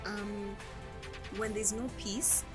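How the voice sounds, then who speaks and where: A young woman from Kenya, a guest in an interview, explaining her work in a thoughtful way and pausing to rephrase. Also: mid-range voice, little pitch movement, over loud music. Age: young adult. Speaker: interview guest, peacebuilding team leader. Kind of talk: earnest interview answers.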